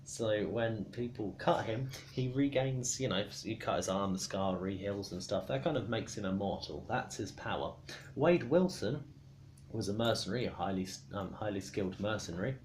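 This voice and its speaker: A drunk man giving a rambling, casual explanation, halting and stumbling over his words, argumentative. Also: lowish voice, a little mellow, a little hiss or hum. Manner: swears casually. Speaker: storyteller explaining comic book lore.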